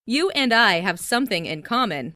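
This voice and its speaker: A woman reading simple English phrases slowly and carefully for learners, saying each one twice. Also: a little high, very animated, sharp tone, no room sound, studio quality. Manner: careful, clearly enunciated, each sentence said twice.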